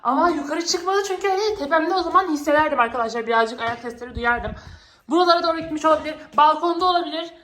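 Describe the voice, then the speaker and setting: A woman's voice: high-pitched, lively intonation, fast, a bit bright. A woman chatting casually to viewers as a vlog host, playful and exclamatory. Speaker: vlog host and game player. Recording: roomy echo, faint background noise.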